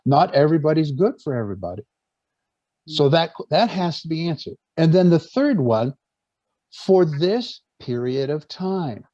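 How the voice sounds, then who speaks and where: A man's voice: a little high, sing-song, normal speed, dark tone, no echo, dull audio. A man giving an earnest preaching talk to a gathering, telling stories and often stumbling and restarting his words. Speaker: speaker on church life.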